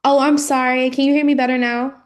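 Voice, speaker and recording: A woman speaking on a video call whose audio keeps cutting out, talking in a halting, friendly and thankful way. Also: sits high, little pitch movement. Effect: glitchy audio cutting out. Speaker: audience member. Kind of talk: casual remarks on a video call. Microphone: video call microphone.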